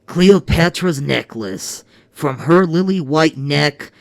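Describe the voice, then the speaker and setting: A man's voice: on the high side, animated, creaky, no room sound, studio quality, exaggerated voice. A man voicing the Joker, a sneering, theatrical villain clown who draws out his words and cackles. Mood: mocking. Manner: mocking, drawn-out delivery with cackling laughs.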